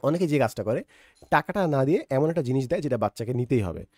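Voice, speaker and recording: Talking fast and animatedly in a mid-range, darkish voice, a Bangladeshi monologue host reflects conversationally, addressing the listener directly and mixing English into his Bengali. The studio sound is clean, with no echo.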